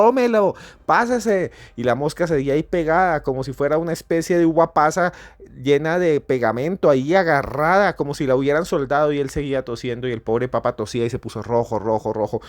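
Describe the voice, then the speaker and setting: A man hosting a podcast, telling a story with theatrical, repetitive build-ups that swell to near-shouting. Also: mid-range voice, no room sound. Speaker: podcast host. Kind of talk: dramatic storytelling narration.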